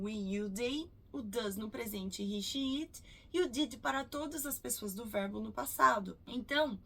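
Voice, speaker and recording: A Brazilian woman in her thirties teaching English in a casual video, patiently repeating example words slowly. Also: on the high side, gravelly, fairly bright tone. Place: cruise ship.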